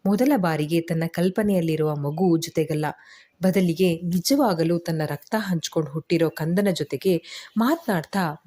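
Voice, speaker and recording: Mellow low-voiced woman storyteller. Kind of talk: scripted story narration.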